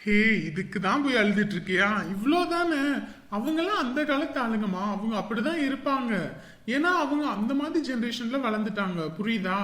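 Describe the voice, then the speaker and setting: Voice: high voice, a bit bright. A performer acting a young male fiancé who casually brushes aside his bride's worries. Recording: echoey room.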